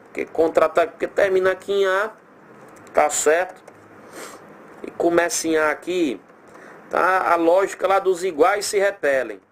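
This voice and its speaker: This high-pitched, Brazilian-accented man teaches grammar in a recording with a little hiss or hum. He's animated, slowly elongating example words and posing rhetorical questions to himself.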